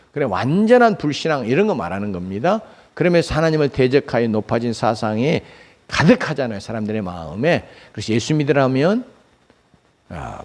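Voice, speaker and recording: A man pastor preaching a Sunday sermon, asking rhetorical questions and answering them himself, with frequent fillers. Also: mid-range voice. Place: church sanctuary.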